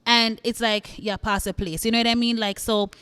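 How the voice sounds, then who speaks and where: A woman's voice: on the high side, fairly even intonation, normal speed, a bit bright, smooth, no room sound. A young adult woman from Jamaica hosting a podcast, chatting casually with listeners, laughing easily and repeating phrases for emphasis. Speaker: podcast host.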